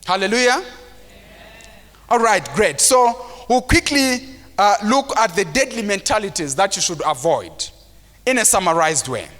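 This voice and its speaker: Speaking at a measured pace, a motivational speaker addresses a live conference audience in a preachy way, rising to shouts for emphasis and mimicking timid, self-doubting people. His voice is very high, bright, forceful and very animated, with a mild stammer he works around, echoing with a big hall's long reverb.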